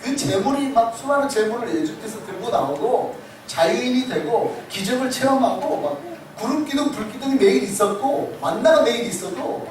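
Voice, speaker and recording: A male pastor delivering a sermon in animated storytelling, acting out the voices in it. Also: extremely high pitch, normal speed. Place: church sanctuary. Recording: echoey sanctuary, distant mic, noisy.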